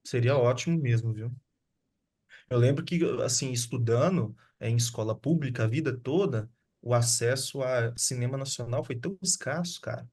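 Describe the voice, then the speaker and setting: Relaxed, slangy man. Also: mid-range voice, normal speed. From Sabará, Brazil. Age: 30s. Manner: relaxed, slangy, with frequent restarts. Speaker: guest filmmaker. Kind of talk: casual online conversation.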